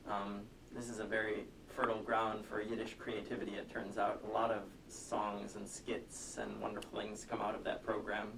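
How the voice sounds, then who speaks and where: An American man telling a story as an interview guest, measured and articulate, on a telephone connection. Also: fairly low pitch, monotone, creaky. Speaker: interview guest, singer and songwriter. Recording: distant, noisy phone connection.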